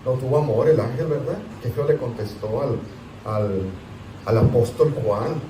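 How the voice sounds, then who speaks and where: A man, a pastor, teaching a Sunday school class in a conversational, animated way, asking his listeners rhetorical questions. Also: medium pitch, unhurried, slight background noise. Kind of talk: sermon teaching. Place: church hall. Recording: echoey church room, distant mic.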